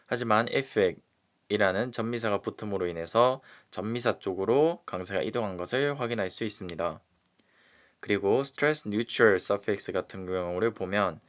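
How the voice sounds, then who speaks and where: A man teaching, who slowly and methodically explains exam questions one example at a time. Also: lowish voice. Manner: slow and methodical, walking through examples step by step. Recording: dull, lo-fi recording.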